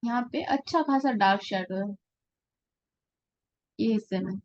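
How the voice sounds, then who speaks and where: An art teacher leads a live portrait-drawing class, explaining patiently and frequently checking that her students are following. She speaks a little slowly in a mid-range voice, and the audio sounds dull.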